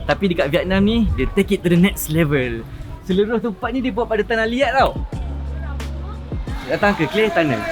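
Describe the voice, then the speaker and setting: A man with a Malaysian accent chatting casually and excitably as a travel vlogger, slangy and joking. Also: high-pitched, normal speed, long pauses, soft background music. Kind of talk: casual vlog chat to camera. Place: on location at tourist attractions.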